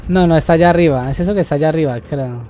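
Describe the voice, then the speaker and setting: A young man with a high voice gives let's-play commentary as he plays. He is excitable, repeats words in rapid bursts and yelps when something startles him. A faint hum of noise sits underneath. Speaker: gamer.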